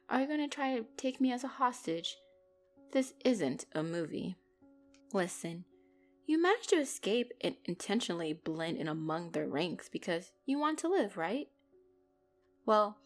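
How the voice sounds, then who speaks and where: In a dramatic audio roleplay, a woman with a medium-pitched voice plays a commanding, possessive female mafia boss, controlled and condescending as she laces threats with mock sweetness.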